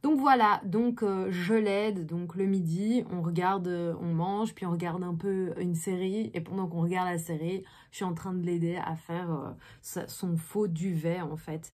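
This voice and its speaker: Chatty low-voiced woman in her thirties. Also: fairly even intonation, unhurried, few pauses, darkish tone. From Belgium. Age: 30s. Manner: chatty, many fillers. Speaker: actress vlogger. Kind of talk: casual daily vlog.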